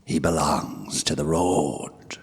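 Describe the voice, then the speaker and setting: A man voicing a menacing male headless horseman spirit, slow and commanding. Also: a bass voice, husky, exaggerated voice. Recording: long hall reverb.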